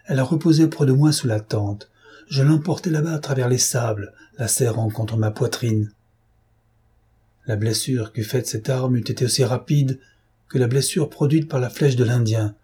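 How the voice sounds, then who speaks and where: Storybook figure: a male reader doing a grim old Spanish noble, husky and dark, bitter, vengeful. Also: mid-range voice, moderate pace. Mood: brooding. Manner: brooding, bitter, declamatory. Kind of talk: audiobook reading.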